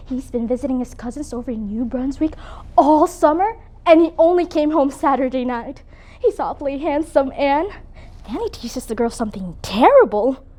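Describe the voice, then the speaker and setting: A woman's voice: high voice, mellow. A woman playing a sweet, chatty young girl in a competitive interpretation piece, gossiping with a friend.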